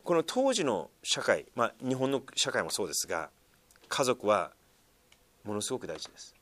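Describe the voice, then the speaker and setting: Animated Japanese pastor preaching. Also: male voice, normal speed. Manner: lively swings in pitch and loudness, many fillers, asks congregation. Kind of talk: sermon.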